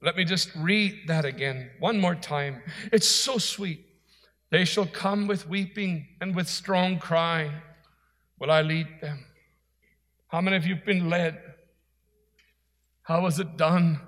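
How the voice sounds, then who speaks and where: A man's voice: fairly high pitch, takes it slowly, long pauses, fairly bright tone, long reverb tail. A man preaching a sermon as pastor, with an earnest, emphatic delivery.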